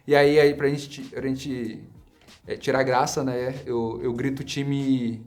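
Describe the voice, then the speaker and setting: A man's voice: mid-range voice, flat delivery, measured pace. A man from northern Brazil, telling stories in a playful, amused way. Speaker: interviewee.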